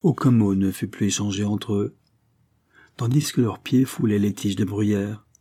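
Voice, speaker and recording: A man reading a classic French novel aloud as an audiobook, in measured scripted narration. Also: lowish voice, fairly even intonation, warm tone, slightly rough. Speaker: audiobook reader.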